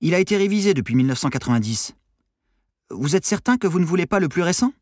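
Man doing a timid young secretary, hesitant, higher lifted voice, lively, dry. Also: fast, no room sound. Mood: timid flustered. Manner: hesitant, flustered.

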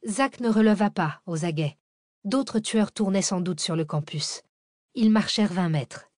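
A woman narrating a thriller audiobook in a steady, measured reading. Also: mid-range voice, dry recording, studio quality.

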